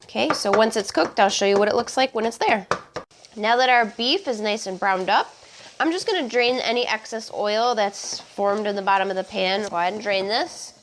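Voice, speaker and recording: A woman presents a recipe in an informal, chatty way. Her voice is stuffed up and honking from lingering bronchitis, at a medium pitch. She talks straight to viewers with emphatic, everyday phrasing. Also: moderate pace, slight background noise. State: congested, honking voice from getting over bronchitis. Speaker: cooking show host. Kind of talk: casual recipe demonstration to camera.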